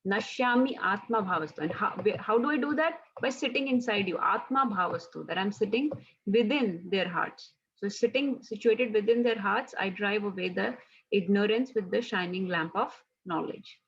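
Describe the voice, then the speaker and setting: A woman's voice: medium pitch, moderate pace, a bit bright, breathy edge, highs cut off. A woman leading a casual devotional scripture class, talking conversationally and often checking in with "right?".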